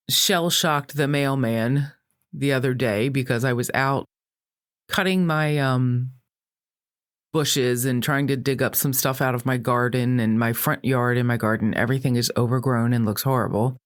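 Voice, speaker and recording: Deep-voiced woman telling a candid story. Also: a little slow, dry recording, studio quality. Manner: candid, rambling storyteller with many restarts. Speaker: podcast co-host. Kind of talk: casual chat.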